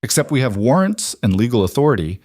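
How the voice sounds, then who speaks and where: A man's voice: medium pitch, sing-song, quick pace, a little mellow, dry recording, studio quality, pitched above the performer's own voice. A man voicing a corrupt male federal agent in an audiobook, speaking in a stiff, officious way. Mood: stern.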